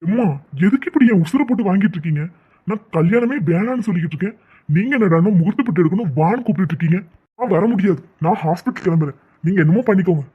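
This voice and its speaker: An actor doing a husky stubborn cartoon son. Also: mid-range voice, animated, very fast. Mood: stubborn refusing. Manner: firm, exasperated, then panicked. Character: young adult son, stubborn, refusing an arranged marriage. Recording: tinny phone-like audio.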